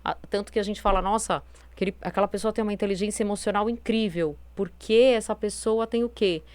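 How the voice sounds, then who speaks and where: A woman's voice: mid-range voice, steady tone, fast, a little mellow, no room sound. A woman hosting a self-help video, talking casually with many fillers and a naturally firm tone. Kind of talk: casual advice monologue.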